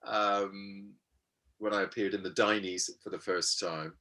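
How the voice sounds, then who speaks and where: A man in his fifties from Hampshire in England, telling stories about his childhood as a guest in a casual interview, self-deprecating and halting with many fillers. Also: low voice, steady tone, bright, forceful tone.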